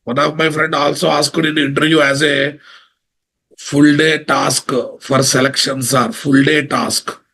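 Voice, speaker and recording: Gravelly Indian man with Telugu accent, teaching. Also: a little high, little pitch movement, a little slow, bright, forceful tone. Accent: Telugu Indian English. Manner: repeats phrases, checks understanding with questions. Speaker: software instructor. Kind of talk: live online class, informal teaching.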